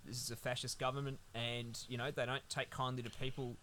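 A man with a bright, forceful voice co-hosts a casual film-review podcast. He rambles through the plot, swearing freely in a laid-back drawl. Faint noise hums underneath. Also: medium pitch, level tone, a little fast. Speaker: podcast co-host.

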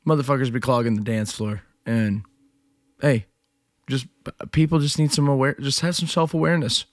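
A man's voice: mid-range voice, steady tone, normal speed, no echo, clean studio sound. A young man, a podcast co-host and performing musician, chatting casually in a blunt, profane, rambling way full of fillers. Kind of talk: casual chat. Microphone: studio microphone.

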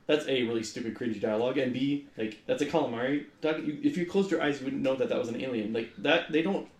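A man's voice: medium pitch, fast talker, echoey room. A man co-hosting a casual podcast chat, rambling and saying "like" constantly. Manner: rambling, heavy use of "like". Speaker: podcast co-host.

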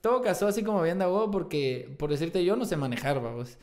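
Man, Guatemalan Spanish accent, slightly higher voice, casual slang, constant tag questions, band guest. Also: lively intonation, fast, a little mellow. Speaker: band vocalist and guitarist, guest.

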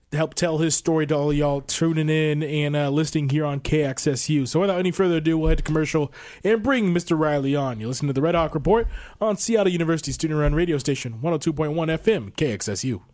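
Fast-talking young male radio host. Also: on the high side, a little mellow. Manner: upbeat, quick, reads sponsor spots. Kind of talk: student sports radio show. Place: student radio studio.

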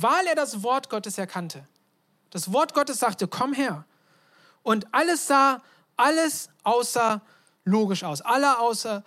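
A woman preaching a conversational sermon. She tells the story in a lively way and asks her listeners questions. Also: on the high side. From abroad, moved to Germany.

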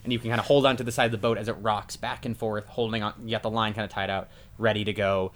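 Running a laid-back tabletop game, this game master speaks fast in a fairly low, level voice with a bit of brightness. He's casual, fixes his own slips mid-narration, and chuckles at his own jokes.

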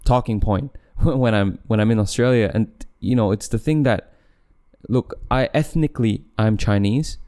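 A young man from Malaysia, his voice fairly low and mellow at a moderate pace, hosts a casual solo podcast. He's in a room at home with the camera set back, rambling along, laughing a lot, and correcting himself as he goes.

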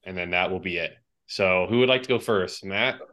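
A man's voice: low voice, normal speed, fairly bright tone. A man hosting a casual podcast chat, easygoing and steering the talk with questions. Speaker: podcast host.

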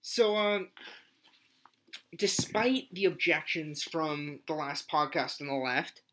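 A man co-hosting a casual comedy podcast, talking sarcastically with halting restarts. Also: on the high side, noisy background. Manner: sarcastic, mock-reading a letter with halting restarts. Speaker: podcast co-host.

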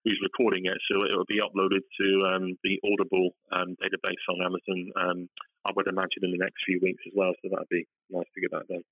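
A man's voice: low-pitched, monotone, a little fast, no room sound, phone-quality sound. A man with an English West Country accent giving conversational answers as an interview guest. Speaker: interview guest, financial adviser.

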